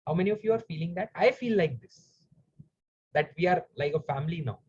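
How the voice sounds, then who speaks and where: Husky man telling a heartfelt story. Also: fairly high pitch, animated, a little fast, a little mellow, lo-fi sound. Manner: earnest, emotional storytelling addressed to an audience. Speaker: speaker and coach. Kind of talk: live Q&A storytelling.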